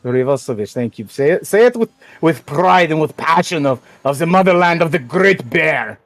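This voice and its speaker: A man voicing a boastful Russian male racing driver with a mock Russian accent and broken English, bragging deadpan over a voice call. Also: a little high, a little fast, no echo, natural voice. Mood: indignant. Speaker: guest driver.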